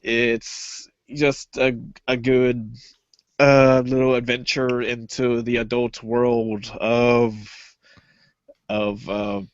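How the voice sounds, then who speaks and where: A man's voice: mid-range voice, little pitch movement, drawn-out words, clear, resonant tone, no room sound. A young man co-hosting a podcast in casual chat, rambling with lots of fillers and hesitations. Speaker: podcast co-host. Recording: dull lo-fi podcast audio.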